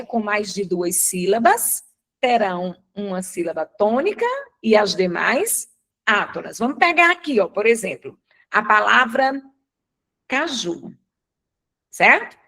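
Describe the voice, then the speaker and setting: A woman's voice: a little high, fairly bright tone. A woman teacher from Brazil giving a live online grammar lesson, asking questions and answering them herself. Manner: didactic, asks and answers her own questions.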